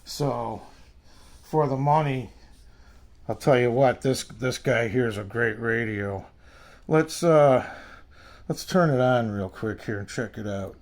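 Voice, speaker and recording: In a relaxed, hands-on product demo, a man who reviews on the radio talks in a rambling, folksy manner. His voice sits at a medium pitch and he speaks slowly.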